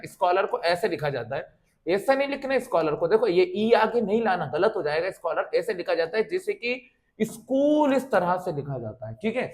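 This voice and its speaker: A male English grammar teacher with a Hindi accent, explaining examples from slides to students in a classroom lesson style. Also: high-pitched. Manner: addresses students as dear children, repeats "ठीक है ना".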